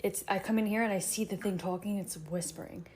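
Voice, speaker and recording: A woman speaking quietly and uneasily, often dropping to a half whisper. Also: mid-range voice, fairly even intonation, a little fast. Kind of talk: hushed phone clip.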